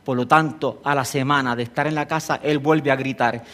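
A man preaching a sermon, telling stories in an animated way and rising to emphatic peaks. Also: mid-range voice, fairly quick.

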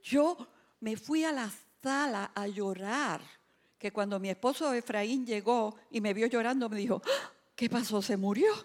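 A woman preaching a sermon, telling a personal story with quoted voices, dropping to hushed tones and rising to emphatic passages. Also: fairly high pitch, a little slow. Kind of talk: sermon testimony.

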